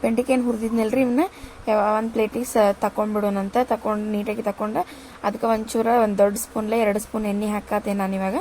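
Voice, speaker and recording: Here the kitchen vlogger talks her viewers through her cooking in a loose, chatty way, calling them "ri" as she goes. She sounds a little high and a little mellow, and the recording is rough with slight background noise.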